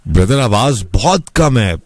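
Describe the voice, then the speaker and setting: A man's voice: medium pitch, animated, no room sound. A man with a Pakistani Urdu accent hosting a casual call-in radio show, teasing callers and dropping English phrases.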